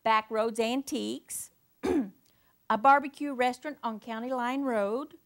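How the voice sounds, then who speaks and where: A woman's voice: a little high, slow. An older woman from Indiana giving an informal local history talk to an audience, reading from notes with folksy asides and fillers.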